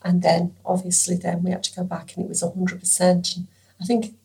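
Gravelly low woman in her sixties. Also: completely flat delivery, brisk, mellow. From England. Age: 60s. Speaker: interviewee, former nurse and carer. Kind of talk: conversational interview.

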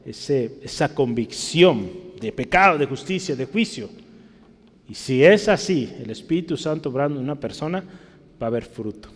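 A man's voice: a little high, animated, normal speed, in a large hall. A male pastor preaching a sermon, punctuating his points with "¿verdad?" and climbing to emphatic peaks.

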